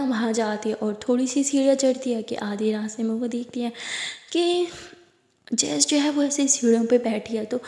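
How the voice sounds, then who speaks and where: A woman's voice: a little high, darkish tone. A woman telling a love story in chatty, informal narration, dropping her voice in tense moments. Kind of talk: casual spoken storytelling. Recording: echoey room with long reverb.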